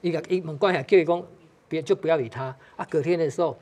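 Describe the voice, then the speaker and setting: A studio guest with a Taiwanese accent telling a ghost story on a talk show, talking quickly with many restarts and Hokkien phrases mixed in. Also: medium pitch, darkish tone, slightly rough. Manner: fast, hesitant, mixes in Hokkien phrases.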